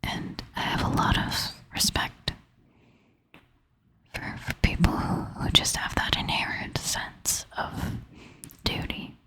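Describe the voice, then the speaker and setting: A tired woman whispering softly and slowly to the listener in a relaxed, intimate ASMR chat, sometimes slipping into a soft half whisper. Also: rough recording. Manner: soft, slow, intimate whispering with gentle laughs. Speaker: ASMR creator.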